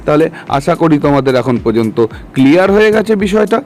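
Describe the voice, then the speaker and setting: Mellow-voiced male literature teacher. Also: fairly high pitch, big pitch swings, fast, slight background noise. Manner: explains step by step, often checks for understanding. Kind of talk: explanatory lesson. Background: faint background music.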